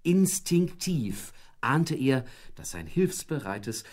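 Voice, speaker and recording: A man tells a children's story with playful energy. His husky voice rises and falls in wide, animated swings. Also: medium pitch, takes it slowly. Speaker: narrator.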